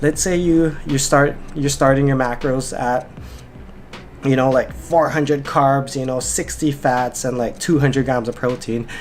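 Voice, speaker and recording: A young man who works as a fitness vlogger and coach talks casually about dieting and workouts in a rambling vlog, leaning heavily on "like" as a filler. A cold leaves him slightly congested and nasal. His medium-pitched voice is steady and a little slow, and there's a little hiss or hum.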